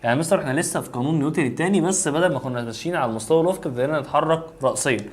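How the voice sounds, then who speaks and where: A man's voice: a little high, very fast. A man with an Egyptian accent teaching a physics review lesson, reasoning aloud step by step and addressing the student directly. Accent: Egyptian Arabic.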